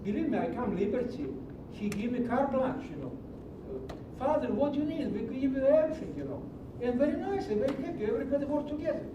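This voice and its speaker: A man's voice: animated, fast talker, few pauses, muffled recording. Impassioned man in echoey hall. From Greece. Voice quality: broken English, passionate and preachy. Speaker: public commenter. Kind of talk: public comment at a county meeting. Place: large meeting hall. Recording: echoey hall from far off with low rumble.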